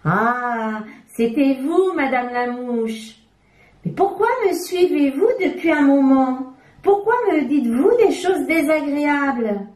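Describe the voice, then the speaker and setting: A woman's voice: lively intonation, takes it slowly, a little mellow, echoey room. A woman doing an eager little chick girl. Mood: puzzled. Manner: high, eager childlike voice.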